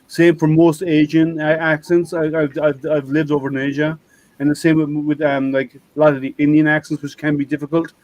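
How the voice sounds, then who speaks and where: This is an Irish man hosting a casual maker hangout over a video call. His voice sits a little high for a man. He rambles and restarts his sentences, and the sound is dry and close, with no room in it. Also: monotone, a little fast, a little mellow, no echo, poor audio. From Ireland. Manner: chatty, rambling, self-interrupting. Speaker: host.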